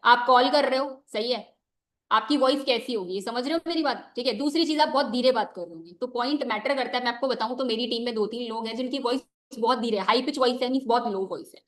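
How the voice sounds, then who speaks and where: A woman's voice: a little high, fairly quick, echoey room. A young woman giving a conversational motivational training talk into a microphone, mixing in English phrases and often saying "ठीक है" as a filler. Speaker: network marketing trainer. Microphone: wearing a microphone.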